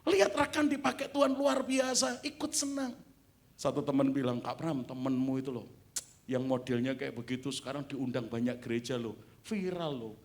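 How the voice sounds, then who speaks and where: A man preaching a sermon in a church, animated, swinging from quiet asides to loud exclamations. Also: mid-range voice, normal speed. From Indonesia. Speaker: pastor. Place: church sanctuary.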